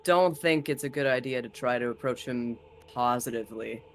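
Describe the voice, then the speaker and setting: A man's voice: mid-range voice, normal speed, slight background noise. A man playing a tabletop role-playing game, reasoning casually and cautiously in character.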